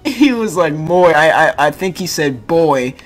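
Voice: medium pitch, lively intonation, measured pace, faint music behind. A young adult gaming streamer reading chat messages aloud in casual, slangy commentary, often breaking into laughter.

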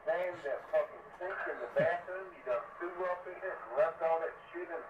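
A man's voice: a little high, brisk, muffled recording. Man on old worn answering machine tape. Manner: pleading, scolding, repetitive. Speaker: concerned friend on a phone message. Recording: loud tape hiss on worn cassette.

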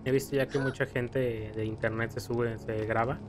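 A man with a Mexican accent jokes his way through a video game playthrough, his mid-range voice holding fairly level pitch at a moderate pace. He's a gaming video creator tossing out playful exclamations as game music plays behind him.

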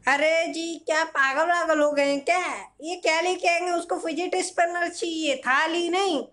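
A young man voicing a loud, bossy mother who shouts at her husband in a comedy sketch. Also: very high voice, steady tone, moderate pace.

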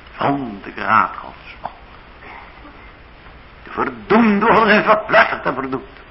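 A man's voice: on the low side, lo-fi sound, slight background noise. A man with a Dutch accent preaching a sermon in a church, acting out the biblical figures' speech dramatically. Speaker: pastor.

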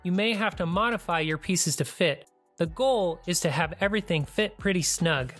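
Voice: mid-range voice, normal speed, fairly bright tone, faint music behind. A DIY channel host giving a plain, practical, step-by-step tutorial voice-over.

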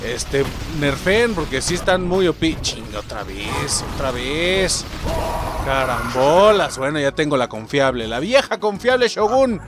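A young man with a Mexican accent commenting on his own game play, excitable and quick to swear and shout. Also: on the high side, noisy background. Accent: Mexican Spanish. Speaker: gaming streamer. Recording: game music loud behind the voice. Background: game music.

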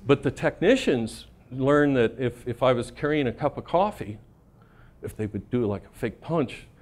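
A man's voice: mid-range voice, expressive, moderate pace, darkish tone. Middle-aged man telling profane war stories. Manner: casual, profane, laughs at his own stories, keeps tagging "right?". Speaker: conference speaker. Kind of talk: storytelling talk to a live audience.

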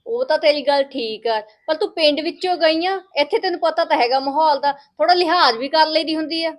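A woman playing a village wife who lectures her sister-in-law in a sharp, sarcastic way in a family skit. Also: sits high, a little fast, lightly acted.

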